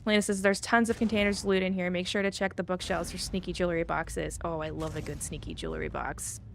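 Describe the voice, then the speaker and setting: Livestreaming an online fantasy game, a woman chats in an upbeat way, thinking aloud and reading out viewer comments. Her voice is on the low side and gravelly, with a steady tone and quick pace. Faint game music plays behind her, along with a little hiss or hum.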